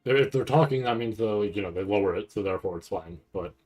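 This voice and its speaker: With soft music playing behind him, a man speaks fast in a low, darkish voice. He's a livestream host reacting to an anime event, rambling casually and thinking aloud, his language loose and at times profane.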